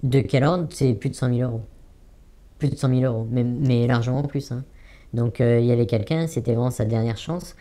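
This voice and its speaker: Man in his 40s, anonymous witness, halting delivery, warm dark tone, repeats himself for emphasis. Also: mid-range voice. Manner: hesitant, many fillers, repeats words for emphasis. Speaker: anonymous former trading student giving testimony. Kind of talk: interview testimony.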